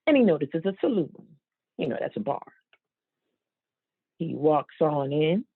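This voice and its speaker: A woman voicing a signed comedy act, telling funny family stories in a lively way with fillers and restarts. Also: sits low, vocal fry, slightly rough, no echo. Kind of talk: interpreted comic storytelling. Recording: tinny, phone-like, dry.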